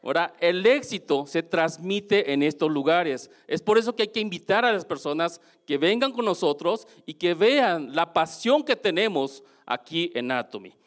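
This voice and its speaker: A man with a Mexican accent giving a lively motivational testimonial at a business seminar, often checking in with the audience through quick questions. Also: fairly high pitch. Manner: keeps asking the audience questions, animated.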